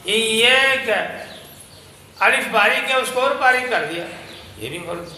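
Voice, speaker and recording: A man's voice: extremely high pitch, expressive, sharp tone, slight background noise. A man teaching Quran recitation to a class, explaining patiently and methodically and modeling each phrase in a chant. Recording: roomy class recording.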